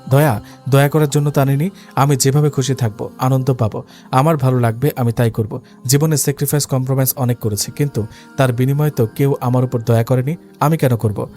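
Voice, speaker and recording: A man's voice: medium pitch, fairly even intonation, fairly quick, warm tone, faint music behind, lightly acted. A man voicing a stern, cruel young husband who gives harsh, commanding orders through gritted teeth.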